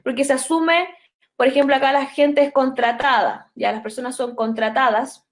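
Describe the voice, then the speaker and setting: A woman's voice: sits high, steady tone, normal speed. A young woman with a Chilean Spanish accent teaching English grammar in an online class, patient and explanatory, checking often for understanding.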